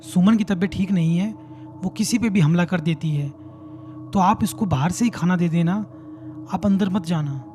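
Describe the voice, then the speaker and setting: Brief: man playing an anxious, rational husband, high voice, mellow tone. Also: normal speed, soft background music, natural voice. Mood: reassuring. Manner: pleading, reassuring. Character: worried husband, rational and fearful.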